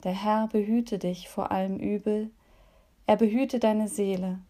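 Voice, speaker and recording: A woman leading a calm devotion, gently reading a children's story and a psalm, sometimes softly whispering. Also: medium pitch, measured pace. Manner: gentle, soft, at times whispered.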